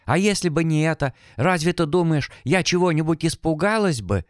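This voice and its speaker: A man reads as a gentle young village woman who believes in fate, pleading and earnest, a little higher than his own voice. The tone is smooth and clear, recorded dry and close for an audiobook. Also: animated, moderate pace, dry recording, natural voice. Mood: tender. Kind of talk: audiobook reading.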